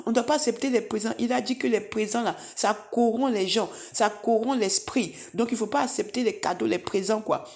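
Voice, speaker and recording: A woman with a somewhat high voice recounts a vision as a church testimony. She tells it in an animated, repetitive way, turning often to address her listeners as beloved. She sounds middle-aged and speaks as a preacher in her own ministry. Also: brisk, few pauses. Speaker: prophetess giving testimony. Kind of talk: spoken testimony.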